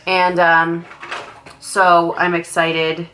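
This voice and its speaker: This young woman, a makeup artist, sounds nasal because she has a cold as she chats casually at home while doing her makeup. Her low-leaning voice is completely flat and a bit bright, with drawn-out words. The rough recording carries a little hiss or hum, and her get-ready-with-me talk rambles along with plenty of "like" fillers.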